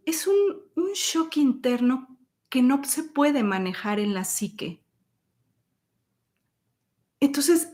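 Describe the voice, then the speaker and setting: A woman telling a personal story as host, acting out quoted dialogue with sudden high peaks. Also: darkish tone.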